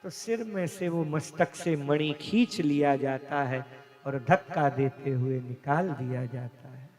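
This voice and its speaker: A male preacher telling a devotional scripture story at a live religious gathering, with dramatic, emotive delivery and long pauses. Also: fairly high pitch, a little mellow. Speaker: katha preacher. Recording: long hall reverb with faint instrumental music.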